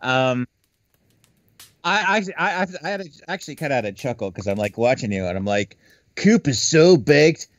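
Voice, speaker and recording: A man's voice: medium pitch, a little fast, a bit bright, dry recording. A man guesting on a podcast in casual chat, laid-back and rambling, talking over a call mic. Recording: dry, dull lo-fi call audio.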